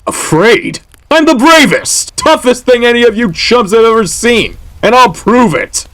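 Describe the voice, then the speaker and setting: A man's voice: very high-pitched, expressive, unhurried, pushed and bright, heavily acted. A man voicing a proud, hot-headed cartoon echidna brawler with blustering, scornful tough-guy talk in an audio drama. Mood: furious, defiant. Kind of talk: animated audio drama acting.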